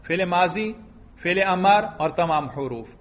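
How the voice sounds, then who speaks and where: A man teaching grammar in a classroom lecture. He keeps asking his students questions, answers them himself, and slowly chants example phrases. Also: high voice, animated. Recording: dull lo-fi recording.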